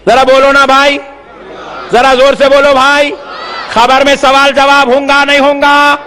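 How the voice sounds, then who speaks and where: A male preacher, telling stories in an animated sermon and often shouting to the congregation. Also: very high-pitched, measured pace, some chatter behind, slight background noise. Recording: long hall reverb.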